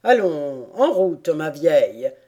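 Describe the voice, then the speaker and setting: A woman voicing a bossy male griffin in a storybook reading, loud and scolding. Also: low voice, very animated, slow pace, pitched below the performer's own voice, heavily acted.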